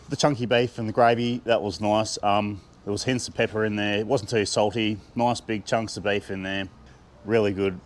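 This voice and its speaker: A man with an Australian accent, chatting with enthusiasm as he reviews food and laughing often. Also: on the low side. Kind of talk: casual food review vlog.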